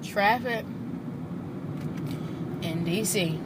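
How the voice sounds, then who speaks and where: A woman's voice: medium pitch, very slow. Chatty woman talking while driving. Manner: chatty, profane, animated storytelling. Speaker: vlogger. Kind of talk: casual chat while driving. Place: inside a car in traffic. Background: faint car and road noise.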